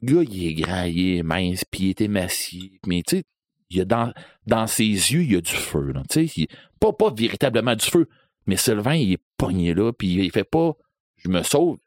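A man's voice: low voice, normal speed, no room sound. A man with a Québécois accent telling a spooky story in a casual, conversational way. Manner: lively, animated, conversational with fillers.

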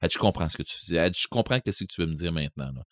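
Low-voiced Québécois man, rambling. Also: lively intonation, racing, a bit bright, no echo, studio quality. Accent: Québécois French. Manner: rambling, many fillers and restarts. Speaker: podcast co-host. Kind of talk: casual chat.

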